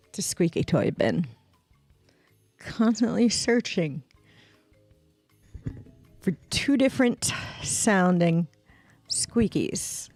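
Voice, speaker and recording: Slow-talking woman streamer, dry close mic. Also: warm tone, dry recording. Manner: slow, drawn-out storytelling with laughs and imitated squeak sounds. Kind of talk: casual storytelling on a game stream.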